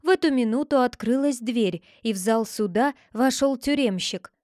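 A woman narrating a fairy tale in an even, clear storytelling manner. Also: on the high side, normal speed, no room sound, studio quality. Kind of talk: storybook reading.

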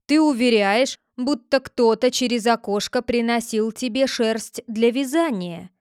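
A stern storybook judge fires insistent questions at a courtroom, as a woman reads him aloud. The voice sits on the high side and the sound is dry and close. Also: a little slow, a little mellow, clear, resonant tone, dry recording, close to an everyday voice. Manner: interrogating, insistent. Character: stern male village judge, questioning sharply.

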